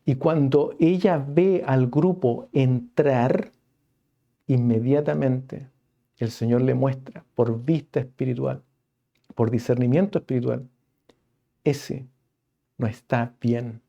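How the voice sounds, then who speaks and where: A man's voice: mid-range voice, slow pace, vocal fry, dark tone, dull audio. A man preaching a sermon in an earnest, emphatic way, often addressing listeners directly.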